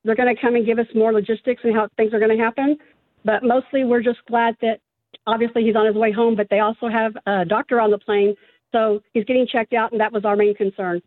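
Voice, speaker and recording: Fast-talking woman on a tinny phone line. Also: fairly high pitch, steady tone. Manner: quick, earnest, relieved. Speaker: mother of a freed prisoner, guest. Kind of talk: remote news interview.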